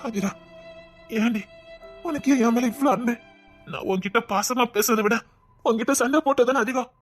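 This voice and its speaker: A woman's voice: a little high, moderate pace, soft background music, lightly acted. A woman playing a despairing paralysed young man. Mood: soft. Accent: Tirunelveli Tamil. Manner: pleading, self-pitying, pushing her away.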